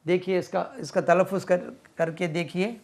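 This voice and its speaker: A man's voice: high-pitched, little pitch movement. A man with a Pakistani accent teaching English vocabulary, repeating each word again and again for pronunciation. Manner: slow, repeats words many times for pronunciation drill. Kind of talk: bilingual vocabulary lesson.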